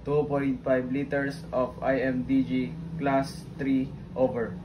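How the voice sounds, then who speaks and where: Guy acting as ship radio officer, monotone formal radio calls, lots of background noise. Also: medium pitch, lo-fi sound, lightly acted. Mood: formal, steady. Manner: measured, formulaic radio procedure delivery. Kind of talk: formal scripted maritime radio exchange. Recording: very noisy background ambience.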